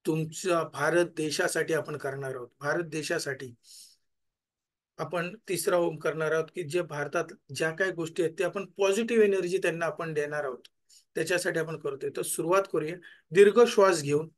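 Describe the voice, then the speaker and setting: A man, a life coach leading a guided gratitude meditation, who repeats his thanks more and more softly until they trail off. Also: fairly high pitch, fairly even intonation, moderate pace.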